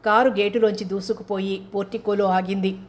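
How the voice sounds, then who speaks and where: Give me a woman narrating a novel steadily, with little pitch movement. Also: little pitch movement, fairly quick. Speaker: audiobook narrator.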